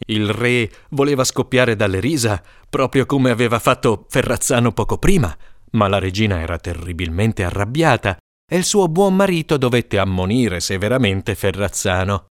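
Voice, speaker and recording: A man narrating a comic folk tale in an animated storytelling manner. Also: lowish voice, normal speed, no room sound, clean studio sound. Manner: lively, animated storytelling with character voices.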